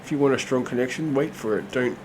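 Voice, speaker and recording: A man's voice: medium pitch, fast talker, a little hiss or hum. A man giving a casual, chatty tarot reading, his voice nasal and congested from a cold. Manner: relaxed, chatty, many fillers. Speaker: tarot reader.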